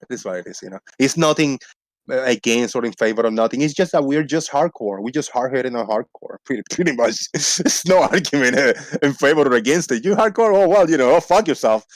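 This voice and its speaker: This livestream host is a native Spanish-speaking man from Puerto Rico, in his forties, with a Puerto Rican accent and a mid-range, expressive voice that runs a little fast. Chatting loosely, he laughs, curses freely, and keeps clearing a small frog in his throat. The recording is dry and the audio poor.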